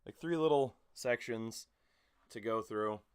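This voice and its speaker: An amateur voice actor records an audition video in a small home room with a mattress against the door, chatting casually to camera. He rambles hesitantly and self-consciously in a clear, resonant, mid-range voice, speaking a little slowly.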